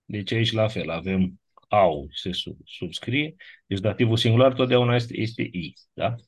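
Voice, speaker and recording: A man's voice: on the low side, husky. A man teaching a class, going methodically through grammar rules and checking understanding with short tag questions. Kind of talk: classroom lecture reviewing grammar.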